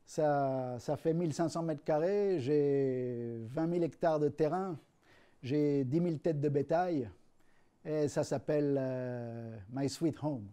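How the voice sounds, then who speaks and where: A man voicing a big, bragging Texan rancher in a joke, speaking slowly with pauses. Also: on the high side, warm tone, smooth. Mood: boastful.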